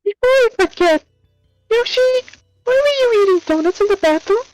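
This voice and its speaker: An exasperated young game princess speaks in a piercing, very high falsetto. The sound is dry, with faint music behind it. The delivery is shrill and put-upon, like a storybook cartoon read aloud. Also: male voice, lively intonation, moderate pace, no echo, rough recording. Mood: insistent. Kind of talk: amateur fan fiction reading.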